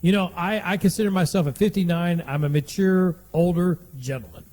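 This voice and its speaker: A man in his late fifties talks through his podcast in a loose, folksy ramble, circling back and repeating phrases. His voice sits a little high for a man. The sound rings with a long reverb. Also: fairly even intonation, fairly quick, a little mellow. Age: 50s. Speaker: podcast host. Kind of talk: casual monologue podcast.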